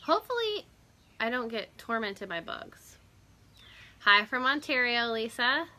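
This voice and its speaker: Bright-voiced chatty woman outdoors. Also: on the high side, big pitch swings, a little slow. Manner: chatty, greets viewers by name, laughs often. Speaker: host of a live stream. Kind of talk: casual live-stream chat. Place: outdoors on a porch.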